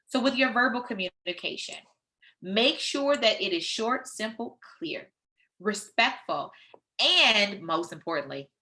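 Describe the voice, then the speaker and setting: A woman with a medium-pitched voice leads a training session, lecturing in a lively, conversational manner and dropping in frank personal asides.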